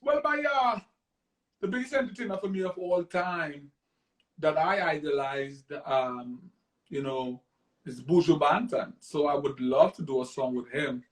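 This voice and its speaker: Trini guy, pretty high voice, excited and joking around in a casual live interview on his phone. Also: unhurried, poor audio. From Trinidad and Tobago. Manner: playful, enthusiastic. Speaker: musician guest. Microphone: phone on a live video stream.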